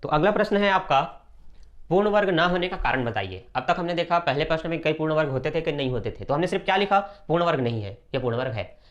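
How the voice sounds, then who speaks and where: Fast-talking man teaching math. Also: a little high, lively intonation, highs cut off. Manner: brisk, repetitive, often checks "simple" and "okay". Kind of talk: step-by-step classroom math lesson.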